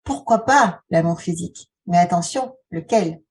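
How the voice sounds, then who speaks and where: A woman talking casually to her viewers as a video host, halting and conversational, often posing rhetorical questions. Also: on the low side, animated, a little mellow, husky, distant mic. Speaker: video channel host, author and relaxation therapist. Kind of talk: casual vlog talk addressed to the viewer.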